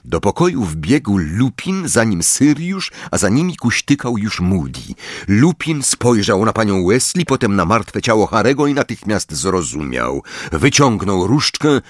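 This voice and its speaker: A male narrator reads a fantasy audiobook slowly, with a wide, highly expressive pitch swing. The voice sounds close and dry, with no room around it. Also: no room sound. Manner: dramatic, expressive storytelling. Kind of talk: dramatic audiobook reading.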